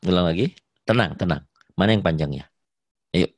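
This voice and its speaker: A man teaching Quran reading in an online lesson, patiently modelling the recitation with drawn-out vowels. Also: low-pitched, no echo, studio quality. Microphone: video call.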